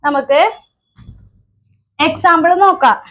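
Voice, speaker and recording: High-voiced woman teaching Malayalam letters. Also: a bit bright. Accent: Keralan Malayalam. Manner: asks many questions and answers them herself; slow, drawn-out sounding of letters. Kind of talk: children's alphabet lesson.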